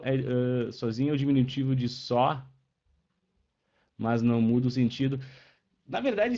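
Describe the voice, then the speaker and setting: A man's voice: mid-range voice, a little mellow. A man, teaching a live online class and patiently checking in with his students as he explains. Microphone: webcam microphone. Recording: dull lo-fi online class audio.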